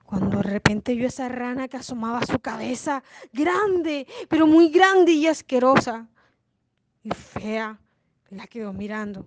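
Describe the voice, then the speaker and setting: A woman telling a fairy tale in an expressive storytelling style, with sudden loud and soft turns. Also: on the high side, unhurried, no echo. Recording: noisy home recording.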